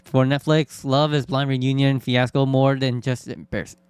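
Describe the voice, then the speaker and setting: A male streamer from Canada reacts casually in short, incredulous bursts. His voice is smooth and clean at a middling pitch, in a close, dry recording, and he swears now and then. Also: flat delivery, moderate pace, darkish tone, dry recording.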